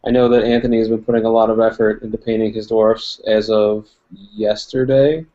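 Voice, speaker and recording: This young co-host's lowish, dark voice comes across flat and a little fast as he chats casually about tabletop wargaming. He laughs, rambles, and leans heavily on fillers, captured in dull lo-fi sound.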